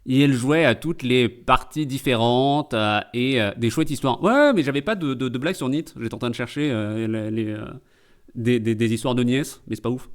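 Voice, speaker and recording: A man's voice: mid-range voice, moderate pace. A man streaming live and doing comedic translation commentary, full of joking, rambling asides.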